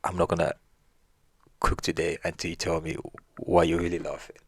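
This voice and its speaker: A man's voice: low-pitched, completely flat delivery, moderate pace, husky, no room sound, studio quality. Annoyed village wife, as a man tells it. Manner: demanding.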